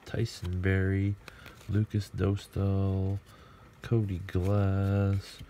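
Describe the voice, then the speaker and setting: A middle-aged man casually murmuring player names as he opens hockey card packs at a table, clearing his throat often. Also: low voice, monotone, drawn-out words, dark tone, slight background noise. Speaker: card collector opening packs. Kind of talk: casual pack-opening commentary. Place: indoor table at home.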